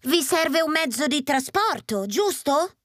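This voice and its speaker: A man's voice: very high-pitched, animated, a little slow, fairly bright tone, no room sound, clean studio sound, voice pushed up, heavily acted. A man voicing a young, earnest male elf apprentice who breathes fire, in a children's storybook reading.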